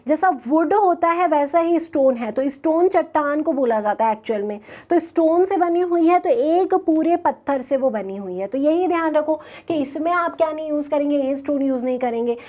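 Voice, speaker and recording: A woman teaching an English grammar lesson, explaining slowly and asking her students questions as she goes. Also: high voice, expressive, darkish tone, highs cut off. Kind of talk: classroom grammar lecture.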